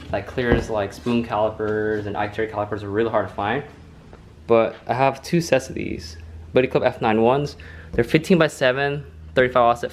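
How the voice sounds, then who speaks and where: This man in his late twenties, a car vlogger, talks at medium pitch to his vlog viewers, rambling and relaxed with lots of fillers. Slight background noise can be heard.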